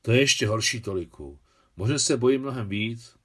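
A man's voice: mid-range voice, fairly bright tone, breathy edge. A man voicing a fussy, good-natured older aunt in an audiobook, homely and a little fearful.

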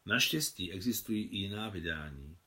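Low-voiced man reading a novel. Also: expressive, pushed and bright. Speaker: translator reading his own translation.

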